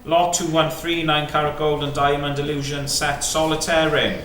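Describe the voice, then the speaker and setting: A bright, forceful male auctioneer with a slightly raised pitch calls a live sale. He fires off clipped, repeated bid figures and brief prompts to the room. The sound is roomy and picked up from some distance. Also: steady tone, normal speed. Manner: clipped, repetitive number calling with short prompting questions. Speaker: fine art auctioneer. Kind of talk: live auction calling, rapid chanted bids and lot descriptions. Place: indoor auction saleroom. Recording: echoey saleroom, distant mic, faint noise.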